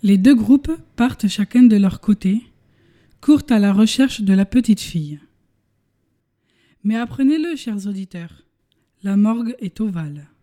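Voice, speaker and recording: A woman's voice: mid-range voice, expressive, measured pace, long pauses, warm tone. A woman narrating a comic story in a mock radio style, addressing the listeners theatrically.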